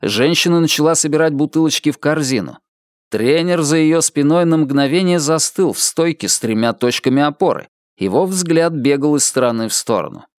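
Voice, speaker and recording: A man narrates an audiobook in a lively, swooping reading voice with an expressive storytelling manner. The recording is dry and close. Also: fairly high pitch, normal speed, no room sound.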